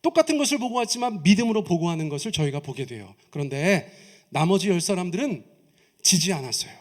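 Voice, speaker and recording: A man preaching a sermon as pastor, who leads his congregation in reading aloud, asks them questions, and swings between raised emphasis and soft low asides. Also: very animated, fast talker.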